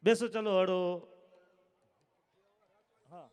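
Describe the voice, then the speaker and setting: High-voiced comedian joking on stage. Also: male voice, fairly even intonation, drawn-out words, darkish tone, clear, resonant tone. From Gujarat. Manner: chatty, acts out both sides of each joke's dialogue. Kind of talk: stand-up jokes at a folk stage show. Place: stage at a late-night live event.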